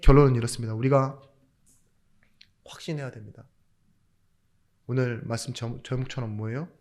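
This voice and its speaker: A male pastor delivers a sermon in a mid-pitched voice. He swings between soft, almost spoken asides and sudden loud, rising emphasis, keeps asking the congregation rhetorical questions, and lightens the preaching with jokes. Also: fairly even intonation, normal speed. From South Korea. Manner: jokey asides.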